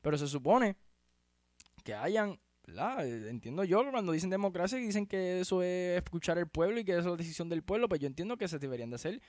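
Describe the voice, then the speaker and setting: A man's voice: sits high, animated, fast talker, a little mellow, no echo. A man with a Puerto Rican accent giving rambling, heated, slangy commentary as host of his own show. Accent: Puerto Rican Spanish. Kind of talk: casual commentary.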